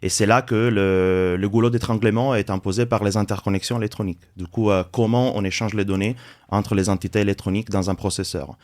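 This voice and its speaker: Italian-accented man, low voice. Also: steady tone, darkish tone. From Italy, Turin. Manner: measured, explanatory, many hesitations. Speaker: startup founder, podcast guest. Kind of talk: casual interview.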